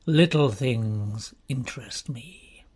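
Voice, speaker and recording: A man narrates an audiobook as a grave, sinister country doctor in middle age, probing with slow, deliberate questions in a breathy voice. The voice sits mid-range, pushed down, with a darkish tone.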